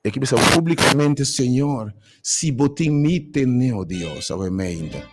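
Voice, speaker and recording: A man's voice: medium pitch, expressive, a little slow, loud music behind the voice. A man, a radio pastor praying fervently for callers in rhythmic repeated pleas. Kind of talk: live radio prayer call-in.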